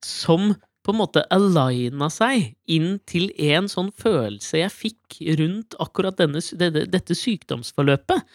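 A man's voice: on the high side, animated, few pauses, no room sound, studio quality. A man in his thirties, a father telling a candid, rambling, self-mocking story in casual chat over a video call.

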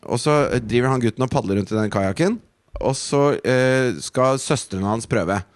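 A man's voice: mid-range voice, dry recording, clean studio sound. A man, co-hosting a podcast and telling a story in an indignant, profane way. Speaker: podcast co-host. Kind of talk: casual chat.

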